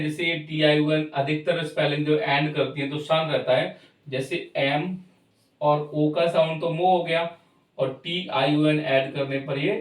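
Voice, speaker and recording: A man teaching English pronunciation, explaining step by step and often checking in with his students. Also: fairly high pitch. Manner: explains slowly and checks in with "thik hai". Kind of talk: pronunciation lesson. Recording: echoey room, far from mic.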